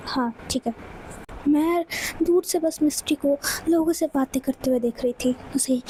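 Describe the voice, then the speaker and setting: A woman's voice: high voice, mellow, a little hiss or hum, low-quality recording. A woman narrating a romance audiobook, repeating words for dramatic effect and now and then speaking straight to listeners.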